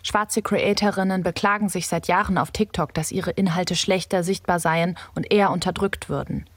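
A woman reporter reading a scripted radio feature in a measured, explanatory way. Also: lowish voice, no echo.

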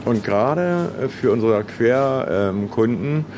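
A man's voice: medium pitch, lively intonation, takes it slowly, darkish tone. A man talking in a chatty, colloquial and effusive way, like a kiosk vendor being interviewed. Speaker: swimming pool kiosk vendor. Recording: clearly noisy outdoor location.

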